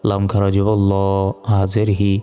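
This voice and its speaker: A man with a Bangladeshi Bengali accent teaches Quran reading, spelling out letters and vowel marks syllable by syllable in an unhurried, even way. His voice is low, mellow and smooth. It rings with a long hall reverb over faint background music.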